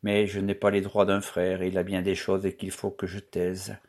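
Man as a shy, honest young worker in a storybook, quiet and low-pitched. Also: monotone, normal speed. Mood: earnest. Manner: soft, earnest. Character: shy earnest young male charcoal burner.

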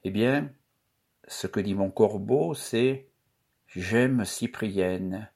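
A man reading aloud, voicing a shy, earnest young charcoal burner who speaks softly. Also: on the low side, very slow, vocal fry, heavily acted. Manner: soft, earnest.

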